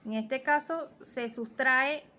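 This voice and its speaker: A woman's voice: high voice, slow pace, pushed and bright. A woman teaching a recorded lesson, explaining steadily with fillers and restarts.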